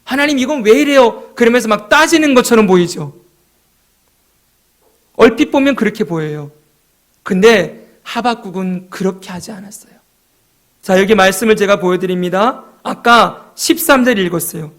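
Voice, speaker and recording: A man with a high voice preaching to his church congregation. He reads scripture passages aloud and explains them line by line. Between readings he asks his listeners questions and then answers them himself. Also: expressive, moderate pace, long pauses, fairly bright tone. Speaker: pastor. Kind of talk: sermon.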